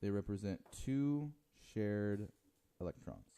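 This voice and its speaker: A man's voice: lowish voice, animated, slow pace, warm tone, smooth. A man teaching chemistry in a classroom, joking with students and counting aloud as he draws. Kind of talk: classroom lecture.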